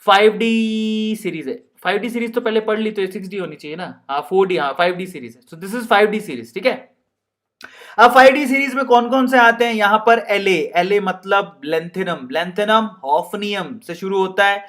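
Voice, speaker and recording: A man's voice: sits high, moderate pace, a bit bright. A man teaching chemistry in a playful way, with laughs, mnemonic chants and questions to the class. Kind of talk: online lecture.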